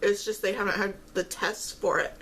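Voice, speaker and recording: A woman talks casually over a meal, chewing between and during her halting phrases. Her voice has a strong creaky fry at a middling pitch. Faint noise sits behind her. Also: steady tone, a bit bright. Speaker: vlogger eating on camera while talking. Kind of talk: casual mukbang-style chat.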